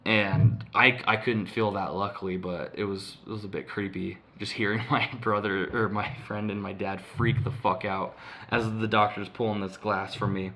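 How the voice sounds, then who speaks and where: Young male podcast co-host, lowish voice, rambling storyteller who swears freely and says "like" constantly. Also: level tone, normal speed, sharp tone. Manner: rambling, swears a lot, many "like" fillers. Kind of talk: casual storytelling chat.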